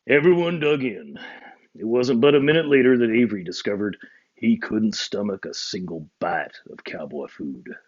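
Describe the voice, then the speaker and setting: A man reads a children's picture book aloud with a very lively, swooping voice. He drops low and quiet for the narration tags. The recording sounds muffled and lo-fi. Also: moderate pace, husky. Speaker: storybook reader. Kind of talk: children's storybook read-aloud.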